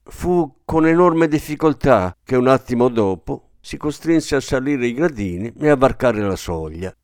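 Male audiobook narrator, animated delivery, dry booth sound. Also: medium pitch, unhurried, no echo. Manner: expressive storytelling with many voices. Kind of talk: scripted narration. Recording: dry close studio sound.

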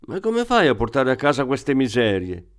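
A man with a medium-pitched voice and huge pitch swings, speaking at a moderate pace, performs a crude, hot-tempered small-time thief from the Rimini area of Italy. The character is indignant, blustering and swearing in an excitable way.

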